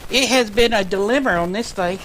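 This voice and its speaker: Filming on an action camera in his workshop shed, an American man works through a motorcycle DIY job, chatting loosely in a folksy way and muttering to himself. He talks briskly in a high, slightly bright voice, with noisy, clicky audio.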